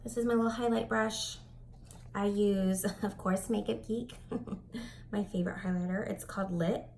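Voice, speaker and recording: A young woman talks through a makeup routine at home in a loose, rambling way, full of fillers. Her voice has a gravelly fry at the ends of phrases. She often slips into soft, breathy whispered asides, over a faint background hiss. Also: medium pitch, steady tone, unhurried. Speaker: beauty vlogger. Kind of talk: makeup tutorial chat.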